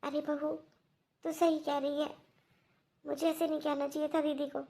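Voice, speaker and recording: Woman voicing a soft, remorseful mother-in-law. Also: high-pitched, little pitch movement, normal speed, slight background noise. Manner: quiet, apologetic pleading.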